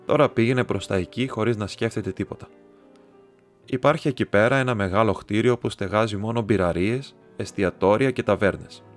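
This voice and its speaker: Low-voiced man reading an audiobook. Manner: steady, measured storytelling. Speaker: audiobook reader. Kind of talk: audiobook narration. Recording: soft instrumental music underneath.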